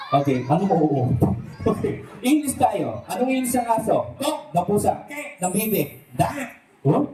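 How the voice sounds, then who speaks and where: A man performing a playful puppet show at a birthday party, teasing and quizzing with lots of laughter. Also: sits high. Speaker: puppeteer host. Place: indoor room at a birthday party. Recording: echoey room from far off.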